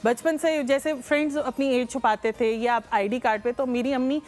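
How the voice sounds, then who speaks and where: A woman's voice: high voice, steady tone, moderate pace, a little mellow. A woman, co-hosting a morning show and giving earnest advice in casual chat. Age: 30s. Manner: earnest, advice-giving, many affirming interjections.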